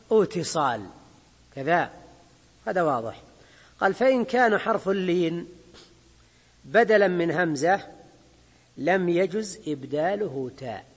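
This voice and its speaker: A man teaching Arabic grammar in a measured way, explaining a text line by line and often checking in with his students. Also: sits high, animated. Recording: long hall reverb.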